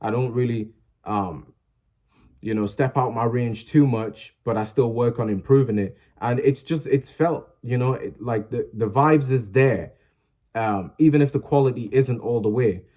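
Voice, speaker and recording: A young man who runs a small music video channel talks to his viewers at normal speed in a mid-range voice with a dark tone. His casual, motivational vlog talk rambles, full of fillers and restarts, as he earnestly urges them to post what they love.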